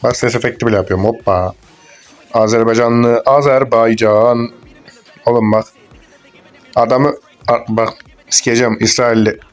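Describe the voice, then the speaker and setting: A man's voice: mid-range voice, steady tone, normal speed, pauses often, faint music behind. A young man giving casual, crude, joking commentary over a game, rambling and swearing as he plays. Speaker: gaming YouTuber.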